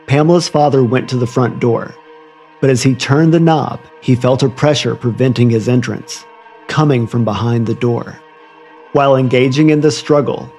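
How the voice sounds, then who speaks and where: A man's voice: medium pitch, darkish tone. A man narrating a scripted true crime story in an ominous, literary storytelling manner. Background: music under the voice.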